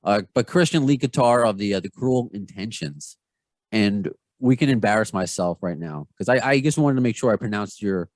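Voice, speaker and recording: A man's voice: on the low side, expressive, moderate pace, dry recording. A man in his thirties with a Long Island New York accent, hosting a podcast interview in a chatty, rambling, self-deprecating way. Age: 30s. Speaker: podcast host. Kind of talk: casual interview.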